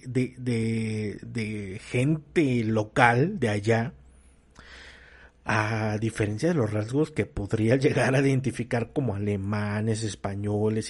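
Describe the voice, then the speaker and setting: Mexican man, unhurried delivery, salty slang, casual opinion rant. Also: mid-range voice, darkish tone. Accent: Mexican Spanish. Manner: slangy and profane, many fillers. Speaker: commentator.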